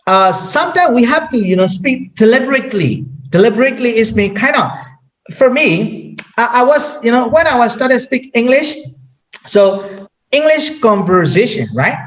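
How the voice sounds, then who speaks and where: High-voiced man with a Burmese accent. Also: expressive, normal speed, a bit bright, poor audio. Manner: hesitant, repeats words, many "you know" fillers. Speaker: guest sharing language-learning tips. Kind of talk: casual conversation.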